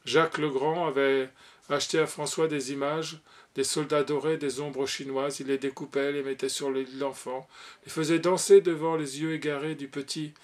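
A man reading a short story aloud as an audiobook, expressive, giving the characters' lines their own voices. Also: on the high side, moderate pace. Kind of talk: audiobook narration.

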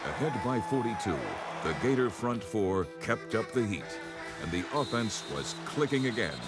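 A man reading scripted narration for a sports season highlight film. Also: very animated, normal speed. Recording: loud music under the narration. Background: loud music.

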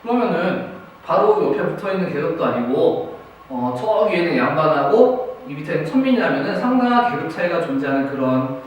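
A man's voice: fairly high pitch, very animated, fairly quick, lo-fi sound. A man teaching a class, asking students questions and praising their answers. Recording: very echoey room, distant mic, faint noise.

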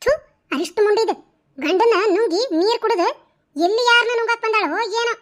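A woman's voice: extremely high pitch, brisk. A woman voicing a spiteful, scheming middle-aged village mother in a cartoon, with a North Karnataka Kannada accent and a sneering, scolding manner. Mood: scornful. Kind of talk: cartoon voice acting.

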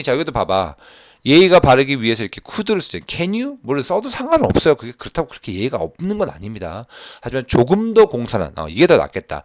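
A man teaching an English class, explaining a textbook dialogue in a chatty way and reading the English example lines slowly with emphasis. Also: lowish voice, no echo, clean studio sound. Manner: frequent fillers like 자 and 오케이. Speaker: English teacher at a cram school.

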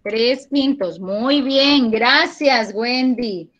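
A woman teaching a primary school math class over a video call, patient and encouraging, counting aloud slowly. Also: a little high, fairly bright tone, highs cut off. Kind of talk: online class. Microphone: computer mic on a video call.

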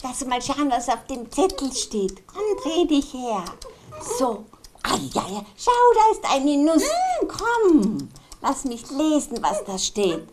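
A woman's voice: sits high, big pitch swings, slow pace, background noise, heavily acted. A woman with an Austrian German accent voicing Kasperl, a merry male puppet jester, chatting to the children in a puppet show. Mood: chatty. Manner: chatty, talks to the children in the audience.

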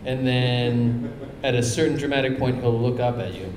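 A man's voice: mid-range voice, moderate pace, a little mellow, a little hiss or hum. A man, a comedian guest on a live talk show, telling wry anecdotes and breaking into laughs. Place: theater stage with live audience. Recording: roomy theater.

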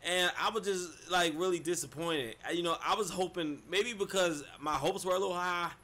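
A man giving a casual, animated movie review, swearing freely and talking straight to his viewers. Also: high-pitched, moderate pace. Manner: animated, swears a lot, addresses viewers as y'all.

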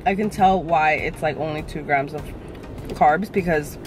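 Chatty young woman with a lowish voice. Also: normal speed. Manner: bubbly, says "like" and "you guys" constantly. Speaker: lifestyle vlogger. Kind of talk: casual vlog chat. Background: background music.

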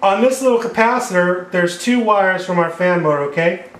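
Filmed from above at a whiteboard table indoors, an HVAC repair instructor draws and explains wiring step by step. His voice sits high and is a bit bright, at normal speed, and the echoey recording carries a little hiss or hum.

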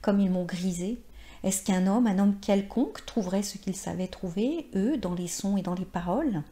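A woman's voice: medium pitch, moderate pace, mellow, natural voice. A woman voicing a dreamy, passionate former actress of sixty-nine in a read-aloud short story. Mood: wistful.

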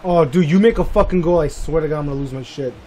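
A man giving live commentary while playing a game, swearing freely and shouting short reactions at his teammates. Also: fairly high pitch, quick pace, a little hiss or hum. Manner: profane, exasperated outbursts at teammates. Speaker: gamer.

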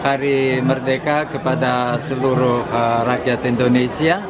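An older man from Russia, a foreigner speaking Indonesian with a Russian accent, halting and pausing often as he answers an informal interview. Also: mid-range voice, steady tone. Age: older, around 70. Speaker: interviewee, Indonesian language lecturer. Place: under an open tent at an outdoor festival. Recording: noisy outdoor event with loud crowd. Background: loud crowd chatter.

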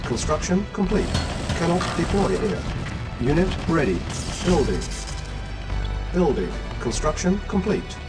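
Calm game computer announcer, clipped reports, slightly high voice, over loud music. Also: male voice, measured pace, pauses often. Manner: flat clipped status reports. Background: loud game music and gunfire.

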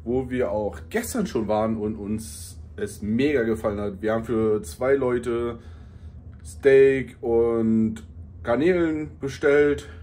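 Mellow-voiced man vlogging indoors. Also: mid-range voice, slight background noise. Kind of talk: casual vlog talk to camera. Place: hotel room, indoors.

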